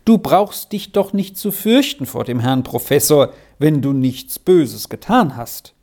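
A reader voicing a calm mother in a storybook, with a soothing, patient way of speaking. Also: mid-range voice, a little slow. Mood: gentle.

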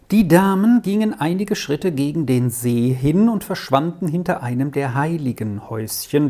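A woman narrating a story aloud with an expressive reading style. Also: low-pitched.

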